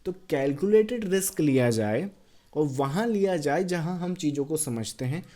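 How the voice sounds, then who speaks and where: A man walks through a trading chart, mixing Hindi and English as he counts out the waves. His voice sits a little high but sounds warm and mellow. He gets blunt with the people who doubt his method. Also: lively intonation, moderate pace. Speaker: trading educator. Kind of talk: chart walkthrough lesson.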